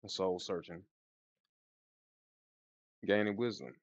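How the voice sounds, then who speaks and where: A man reads tarot in a low-pitched voice over background music. His speech is informal and slangy, with a slight slur and lisp from the retainer in his mouth. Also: expressive, slow pace, dry recording, highs cut off. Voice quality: slightly slurred, lisping speech from wearing a retainer. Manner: informal, slangy, laid-back. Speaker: tarot reader. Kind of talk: casual tarot card reading.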